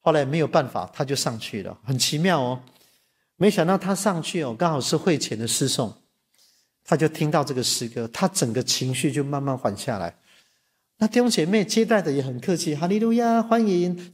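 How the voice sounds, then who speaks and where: Husky, animated preacher man. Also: a little high, fairly quick. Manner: animated, tags sentences with "ha", acts out quotes. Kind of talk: sermon storytelling.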